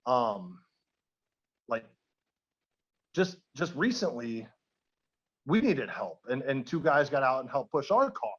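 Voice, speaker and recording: A man's voice: medium pitch, sing-song, slow, pauses often, muffled recording. A man voicing a reproachful wife. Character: nagging wife in bed.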